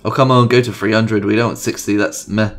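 A man giving chatty let's-play commentary, excitedly thinking aloud about his moves. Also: on the low side, brisk. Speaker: gamer. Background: game music.

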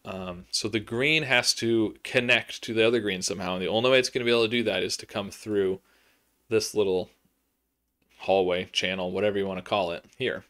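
A man's voice: on the low side, steady tone, brisk, a bit bright. A man in his thirties hosting a puzzle tutorial, reasoning aloud step by step and counting cells, with frequent ums, recorded by a webcam at his desk in a small home room. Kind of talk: think-aloud puzzle walkthrough.

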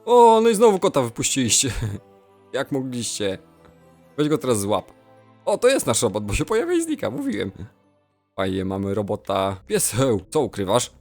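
A young man giving playful, excitable commentary while playing a game. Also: mid-range voice, moderate pace, faint music behind. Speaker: gamer. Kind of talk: Roblox let's play commentary.

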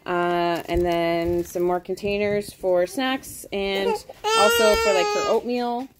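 A woman's voice: medium pitch, expressive, slow, heavy background noise. A woman in her thirties from Canada, chatting casually through a home grocery haul video and rambling with lots of ums. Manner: chatty, rambling with many ums, asides to kids. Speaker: vlogger. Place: home kitchen indoors. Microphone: phone camera held close.

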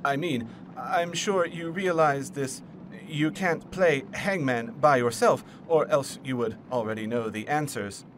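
A man's voice: medium pitch, unhurried, a bit bright, slight background noise, natural voice. A man playing a smug, nervy puzzle-loving villain in a comic dub, explaining things with theatrical hesitations. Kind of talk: comic fan dub acting.

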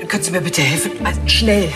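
A woman's voice: fairly low pitch, fast, loud music behind the voice, close to an everyday voice. An actress playing a businesslike, impatient hospital manager in a TV drama, her strained voice clipped, with a frog in her throat. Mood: urgent.

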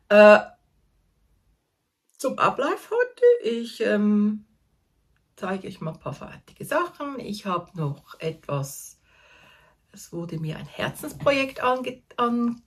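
A Swiss woman in her fifties, a knitting vlogger with a Swiss German accent, chats casually to camera from her small craft corner at home. Her medium-pitched voice has a breathy edge, and she's chatty and self-deprecating, laughing at herself.

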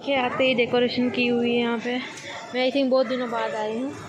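A woman's voice: on the high side, level tone, moderate pace. A young woman filming a casual family vlog on a handheld phone, chatting and coaxing a small child outdoors at night and in a shop. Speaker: family vlogger. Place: outdoor parking area and supermarket at night. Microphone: handheld phone camera. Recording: noisy phone video.

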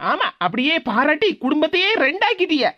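A woman's voice: sits high, very animated, brisk, heavy background noise. A woman voicing a feisty, blunt young cartoon woman who scolds, with a Tirunelveli Tamil accent. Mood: scolding. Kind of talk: cartoon voice acting. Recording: dull lo-fi recording.

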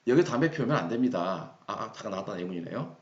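A Korean man teaching English phrases, reading each example sentence slowly and deliberately. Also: lowish voice, expressive, a little mellow. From South Korea. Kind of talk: explaining English phrases in a lesson. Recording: roomy, dull lo-fi sound.

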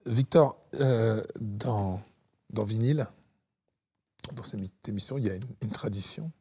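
Guy hosting a radio show, husky mellow voice, casual and friendly. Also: lowish voice, unhurried. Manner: friendly, informal, addresses guest with tu. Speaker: radio host.

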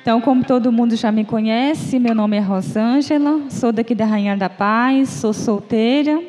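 A young woman with a Northeastern Brazilian accent, preaching at a small church's prayer group and reading scripture in a slow, gentle, inviting way. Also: a little high, soft background music. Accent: Brazilian Portuguese, Northeastern. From Bahia, Brazil. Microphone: mic on a stand at the lectern. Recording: reverberant church hall.

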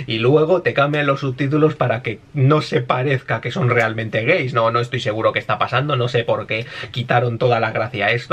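A young man with a Spain Spanish accent giving casual, animated commentary, swearing offhandedly. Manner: animated, swears casually, mimics squeaky voices, laughs often. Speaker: YouTuber explaining Japanese.

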